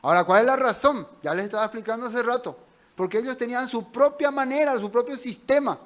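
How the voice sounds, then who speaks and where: A man's voice: extremely high pitch, quick pace, a bit bright. A male pastor gives a conversational Bible teaching, asking his listeners questions as he goes. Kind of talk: sermon.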